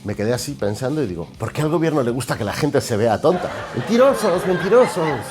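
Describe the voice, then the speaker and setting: A man with a Spanish accent from Spain, hosting a show with an exaggerated comic monologue and mock shouting asides. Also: mid-range voice, quick pace, over music. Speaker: host.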